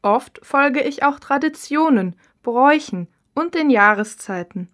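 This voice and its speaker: This is a high-pitched female voice, reading calmly and with measure. She responds to interview questions in the role of a cookbook author for a scripted listening test.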